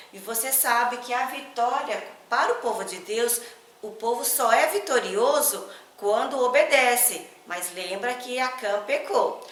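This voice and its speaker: A woman's voice: high-pitched, echoey room, recorded from a distance. A woman with a Brazilian Portuguese accent, teaching children a Bible lesson as a story and asking them questions as she goes. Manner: animated, asks the children questions.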